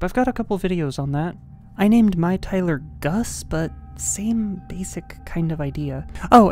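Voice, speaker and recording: A woman's voice: low voice, dark tone. A woman hosting a storytelling channel, commenting on a story in a wry, dryly joking way. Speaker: storyteller host.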